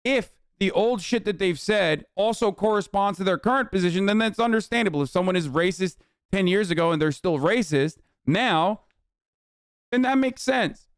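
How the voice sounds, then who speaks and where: A male streamer in his thirties rants sarcastically and heatedly, swearing freely. His voice sits high for a man and sounds smooth and resonant. The sound is dry and close. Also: moderate pace, dry recording. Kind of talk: livestream reaction rant.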